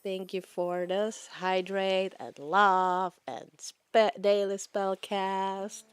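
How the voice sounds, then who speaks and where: Slow-talking woman streamer. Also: medium pitch, level tone, clear, resonant tone. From Czech Republic. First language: Czech. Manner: rambling, laughs often. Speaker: VTuber streamer. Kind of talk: casual chat with live chat.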